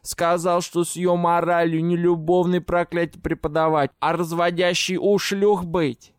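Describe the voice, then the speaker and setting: A gossipy male goblin gatekeeper grumbles through his news slowly and with heavy emphasis, as a man puts him on. The voice is clear and smooth, and the audiobook recording is dry and close. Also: high-pitched, little pitch movement, no echo, pitched above the performer's own voice. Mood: alarmed.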